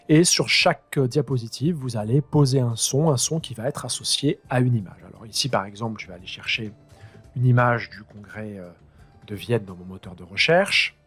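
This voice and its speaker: A man teaching his high school students how to use a piece of software, talking them through each click as he improvises. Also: husky. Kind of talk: screen-recorded software tutorial.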